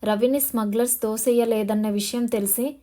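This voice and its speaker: A woman narrating an audio novel in a steady, expressive reading style. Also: a little high, moderate pace.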